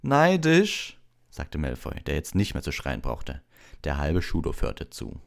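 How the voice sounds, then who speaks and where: A man reading an audiobook aloud as calm, relaxed bedtime storytelling. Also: rumbling low, normal speed, vocal fry. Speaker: audiobook narrator.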